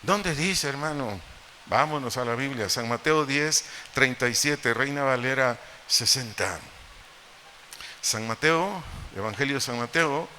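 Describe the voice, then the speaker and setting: A man's voice: mid-range voice, pushed and bright. A man with a Mexican accent preaching a sermon as pastor, explaining scripture with rhetorical questions and humorous asides. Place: church hall. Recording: echoey church hall, faint noise.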